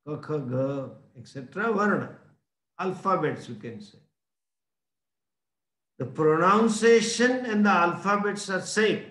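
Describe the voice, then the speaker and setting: A man with an Indian English accent teaching a scripture class, explaining slowly and often chuckling. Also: high voice, expressive, fairly bright tone, reverberant. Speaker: spiritual teacher.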